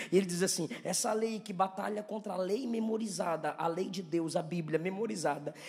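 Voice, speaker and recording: A man with a Brazilian Portuguese accent preaching a sermon, swinging from hushed storytelling to shouted preaching. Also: extremely high pitch, vocal fry. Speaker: pastor.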